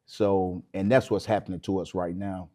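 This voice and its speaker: A man's voice: sits low, little pitch movement, normal speed, dark tone. A man, a basketball coach explaining things colloquially in a casual interview.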